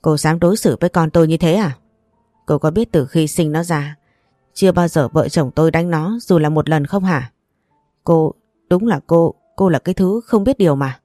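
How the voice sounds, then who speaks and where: Brief: a female narrator doing an angry older mother-in-law in an audio story, low voice, dry sound. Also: normal speed, dark tone, no room sound, faint music behind, close to an everyday voice. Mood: scolding. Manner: harsh, scolding, accusing.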